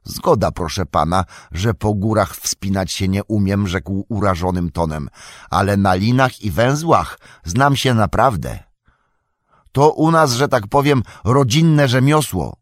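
A man's voice: medium pitch, unhurried, a bit bright, no echo, clean studio sound, pitched above the performer's own voice, lightly acted. A man voicing a loyal, fretful young male hobbit servant who talks in a plain, earnest and agitated way. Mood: offended.

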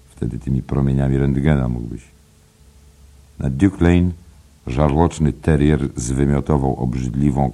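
Casting: deep, dark-toned male audiobook narrator, measured reading. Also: gravelly, slightly rough. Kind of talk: scripted literary narration.

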